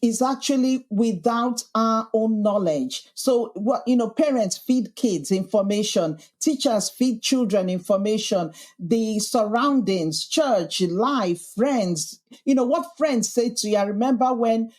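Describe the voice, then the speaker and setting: In a reflective conversational interview, a Yorkshire-accented woman who hosts a podcast answers questions earnestly and thoughtfully. Her slightly high, darkish voice has lively intonation, and she speaks unhurriedly with few pauses, stacking her points into emphatic lists.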